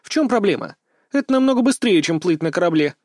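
A man's voice: sits high, lively intonation, quick pace, no echo, studio quality, pitched above the performer's own voice. A man voicing a stern, curt woman ship captain in an audiobook. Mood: sharp. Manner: curt, sharp, strict. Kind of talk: audiobook character voice.

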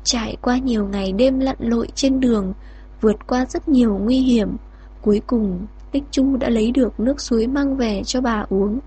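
A woman narrating a fairy tale in a slow, gentle reading voice. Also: on the high side, slight background noise. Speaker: storyteller.

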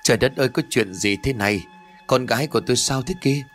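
A man's voice: medium pitch, fast, voice pushed up, close to an everyday voice. Brief: furious young mother, read by a male narrator in an audio ghost story, accusing and desperate, faint music behind. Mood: frantic.

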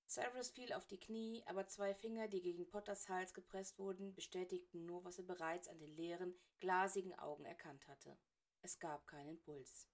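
A woman's voice: fairly low pitch, normal speed. Woman reading a story aloud. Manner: steady, expressive storytelling. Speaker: narrator. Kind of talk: fan fiction audiobook reading.

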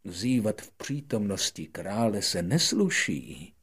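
Pompous old king, loud and high-pitched commands, husky edge, read by a man, audiobook. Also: very animated, full character voice. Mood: commanding. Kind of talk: audiobook character voice.

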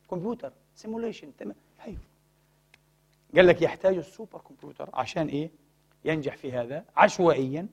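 A man's voice: on the high side, slightly rough. A man giving a religious science lecture, asking rhetorical questions and prompting the audience to fill in words.

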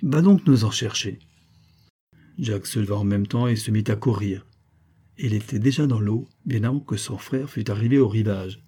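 Mellow, husky man reading a storybook. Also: fairly low pitch, moderate pace. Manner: steady first-person storytelling. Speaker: audiobook narrator. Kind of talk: audiobook reading of a classic novel.

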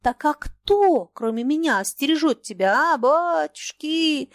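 Slipping into the role of a scolding, cranky old merchant, a woman reads aloud with a slightly high, animated voice at an unhurried pace. The character wheedles, mocks, and shrieks shrilly, captured in a dry, close sound.

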